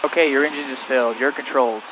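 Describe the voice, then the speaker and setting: A male flight instructor on a cockpit headset intercom, calmly talking a student pilot through each step in flight. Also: medium pitch, quick pace, muffled recording, heavy background noise. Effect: heard over a cockpit headset intercom. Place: small plane cockpit in flight.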